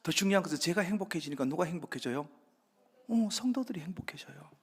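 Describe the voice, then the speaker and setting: A man preaching a sermon as guest pastor, conversational and acting out little dialogues, with soft asides between louder lines. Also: on the high side, animated, quick pace, slightly rough. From Andong, South Korea. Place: church sanctuary. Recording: reverberant church hall.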